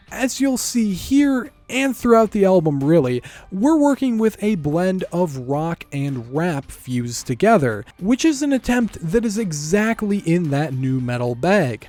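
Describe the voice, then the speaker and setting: A man narrates a music review from a script, wry and opinionated. His voice sits a bit high for a man and swings around a lot. The tone is warm and dark, and the sound is dry and close. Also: no echo.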